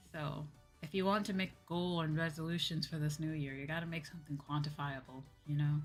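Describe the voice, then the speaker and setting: A woman streams as a VTuber, chatting casually and giggling often as music plays behind her. Her voice sits low, with a fairly bright tone.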